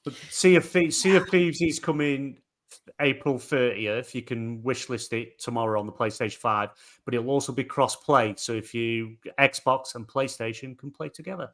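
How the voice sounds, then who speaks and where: A man's voice: medium pitch, moderate pace, fairly bright tone. A man on a gaming podcast panel who chimes in with names and dates in a matter-of-fact way. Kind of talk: casual chat.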